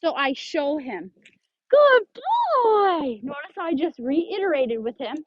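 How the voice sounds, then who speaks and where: A woman's voice: high-pitched, expressive, moderate pace, lo-fi sound. A woman dog trainer explaining leash handling step by step, giving firm short commands to a dog. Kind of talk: instructional demonstration.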